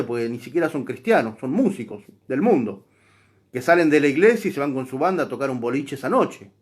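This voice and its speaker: A man teaches a church class. His voice sits a little high for a man, and he speaks emphatically and conversationally, turning often to the listener. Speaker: Bible teacher.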